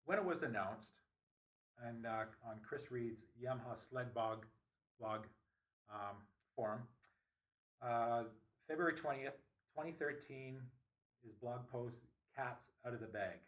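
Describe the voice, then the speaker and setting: A man's voice: medium pitch, unhurried, long pauses, fairly bright tone. A man hosting an interview, asking long, rambling questions full of fillers. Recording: voice distant from the mic.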